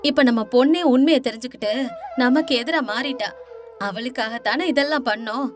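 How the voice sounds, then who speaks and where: A woman's voice: sits high, brisk, faint music behind, voice pushed down, close to an everyday voice. A woman doing a fretful, soothing mother. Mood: placating. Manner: soothing, placating. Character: anxious middle-aged mother, soothing and pleading.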